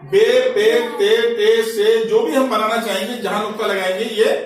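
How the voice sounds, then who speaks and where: A man's voice: high voice, fairly even intonation, soft background music. A man teaching Urdu letters in a classroom, explaining patiently and often checking "ठीक है?". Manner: slow, explanatory, repeats each letter with example words and checks "ठीक है?". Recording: very echoey room, mic far off, faint noise.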